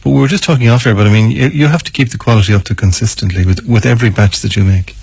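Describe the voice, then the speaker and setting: A man's voice: lowish voice, rapid-fire, creaky, a little mellow, husky, no room sound. A man with a west of Ireland accent doing a chatty, colloquial radio interview, often tagging questions onto his remarks.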